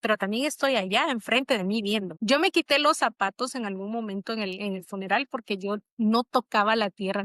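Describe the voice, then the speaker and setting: A woman's voice: medium pitch, fairly bright tone, dry recording. A middle-aged woman, an interview guest, telling a personal story in a reflective, emotional way. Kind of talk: conversational interview.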